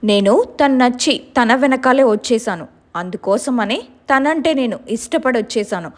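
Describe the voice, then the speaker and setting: A woman's voice: fairly high pitch, moderate pace, natural voice. A woman voicing the stubborn ghost of a young woman in a told story, defiant and pleading.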